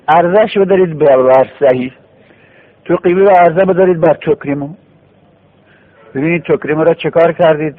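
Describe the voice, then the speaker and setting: A man giving a classroom grammar lecture, explaining patiently step by step and repeating key forms. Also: fairly high pitch. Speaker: teacher of Arabic grammar. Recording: tinny phone-like radio broadcast.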